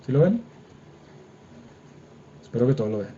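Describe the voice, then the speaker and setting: A man's voice: medium pitch, big pitch swings, moderate pace, mellow. A young man with a Colombian accent teaching an online engineering drawing class, informal and patient, often checking whether his students are following. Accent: Colombian Spanish. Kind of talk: online class lecture with screen demo. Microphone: computer mic on a video call. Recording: slightly dull video call audio.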